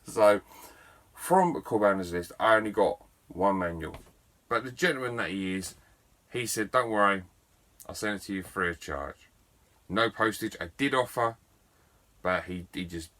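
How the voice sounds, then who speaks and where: A man's voice: fairly low pitch, fairly bright tone. A middle-aged man, a game collector telling a story to camera in a chatty, enthusiastic and self-mocking way. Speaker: video game collector vlogger.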